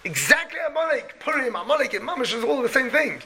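A man's voice: extremely high pitch, big pitch swings, quick pace, crowd noise. A man giving a religious lecture like a rabbi, emphatic, repeating key phrases and posing rhetorical questions. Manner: emphatic, repeats key phrases, peppers speech with Hebrew and Yiddish terms.

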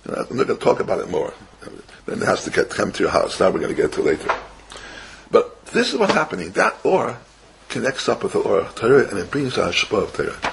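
A man's voice: on the low side, big pitch swings, quick pace, vocal fry, background noise. An older man giving an informal religious lecture as a rabbi, repeating phrases and answering his own questions. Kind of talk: informal religious lecture with stories and Hebrew quotes.

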